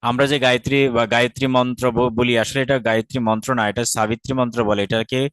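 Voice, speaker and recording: A man from Bangladesh teaching Sanskrit grammar in an online class, explaining patiently, asking rhetorical questions and slowing down to recite verse syllables. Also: mid-range voice, level tone, fairly bright tone, clear, resonant tone, dry recording. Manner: explains patiently, often asks rhetorical questions and checks understanding; slows down to chant verse syllables carefully.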